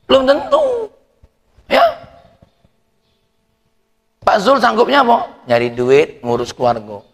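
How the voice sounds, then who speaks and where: A man with a fairly high, creaky voice delivers a sermon in a mosque hall, where a long reverb tail trails his words. His delivery is lively, full of jokes and rhetorical questions, his voice climbing and dropping.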